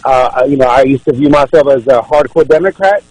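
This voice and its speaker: A man from Ethiopia, a political candidate appearing as a guest on a radio show, argues his case earnestly, often repeating words as he restarts. His mid-range voice moves at a quick pace with a darkish tone, captured on a radio studio microphone with no room sound in a low-quality recording.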